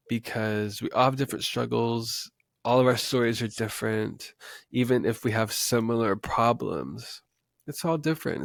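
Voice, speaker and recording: A young man in his twenties, originally from West Texas, hosts his own podcast with loose, unscripted chatter. His voice carries a gravelly, fry-tinged edge, and he rambles freely with plenty of ums and little laughs. The sound is dry and close, with no room echo. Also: fairly low pitch. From West Texas, USA. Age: 20s. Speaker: podcast host. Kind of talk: casual unscripted podcast talk.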